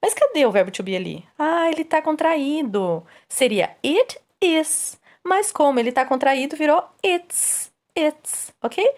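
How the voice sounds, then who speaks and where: A woman teaching English grammar, asking questions and answering them herself. She reads the English examples slowly and explains at a quicker pace. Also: high-pitched, animated. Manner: asks and answers her own questions.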